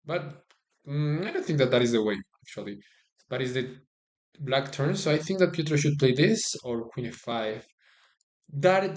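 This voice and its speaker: A Colombian man with a Spanish accent provides easygoing chess commentary on a live stream. His medium-pitched voice is a little mellow, and he talks in a chatty, stop-start way, repeating words as he searches for them and often thanking his viewers. The audio is recorded on a phone.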